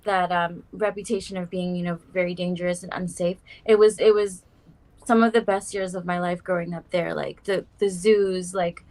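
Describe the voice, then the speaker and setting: This time the young South African woman's voice sits on the low side, with a flat delivery at normal speed. As a guest musician in a casual interview, she chats warmly with frequent "like" and "um."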